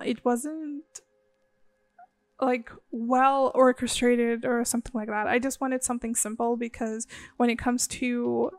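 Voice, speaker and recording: A chatty woman with a fairly high voice, a little groggy, talking in a loose, rambling way and giggling between thoughts. She narrates her drawing casually over soft background music. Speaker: bullet journal creator. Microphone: phone.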